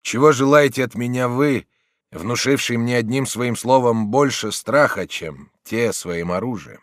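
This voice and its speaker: A man voicing a defiant, wounded young male nobleman who shouts at his attackers in an audiobook. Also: mid-range voice, a little slow, no echo, clean studio sound, natural voice. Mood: proud.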